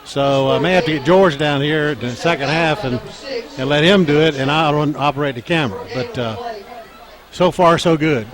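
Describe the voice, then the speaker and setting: Band music and crowd sounds run beneath a male announcer calling a high school football game play by play. His voice is scratchy and strained, his pace halting with many fillers, and he lifts when plays open up.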